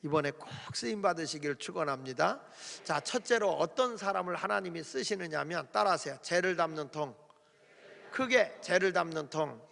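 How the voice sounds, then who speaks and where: High, bright-voiced man preaching a revival sermon. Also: lively intonation, fairly quick, creaky, in a large hall. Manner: folksy, humorous, calls for congregation to repeat. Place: church sanctuary.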